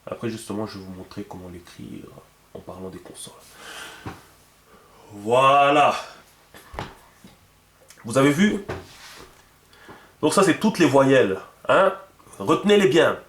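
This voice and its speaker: A man's voice: medium pitch, animated, a little slow, long pauses, fairly bright tone, a little hiss or hum. Male teacher, patient explainer, roomy echo on the voice. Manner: patient, checks often with the viewer. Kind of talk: instructional video lesson. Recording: echoey room.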